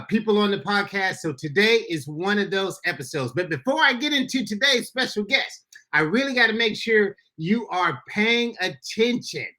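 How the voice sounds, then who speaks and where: Male pastor-host, high bright voice, upbeat and folksy with listeners. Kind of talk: casual podcast chat. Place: Florida.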